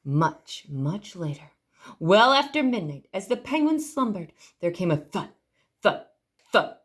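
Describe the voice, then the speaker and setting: At library storytime, a woman reads a picture book aloud to children with plenty of expression, stretching key words for emphasis. Her medium-pitched voice is sing-song and measured in pace.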